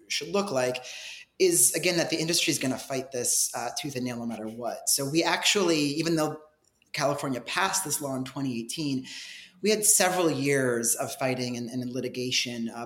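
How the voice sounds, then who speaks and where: A man giving conversational, halting answers as an interview guest, in measured explanations. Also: medium pitch, a bit bright, roomy sound. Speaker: policy director, interview guest.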